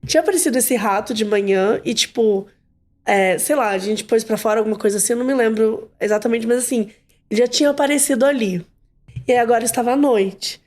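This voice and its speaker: Woman, Brazilian Portuguese accent, podcast host, casual chat, lively storytelling. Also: fairly high pitch, quick pace. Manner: animated storyteller, acts out quotes.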